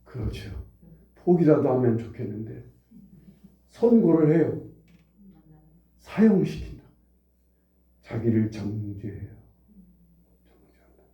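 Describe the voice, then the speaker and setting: A man's voice: mid-range voice, sing-song, slow pace, long pauses, reverberant, far from the mic, highs cut off. A male pastor preaching a sermon, who repeats phrases for emphasis and asks the congregation questions. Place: church sanctuary.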